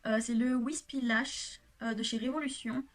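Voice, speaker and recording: A woman's voice: a little high, fairly even intonation, normal speed. A woman vlogger chatting through a makeup haul in her home workshop, gushing and hesitating often. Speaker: beauty vlogger. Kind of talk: casual makeup haul vlog.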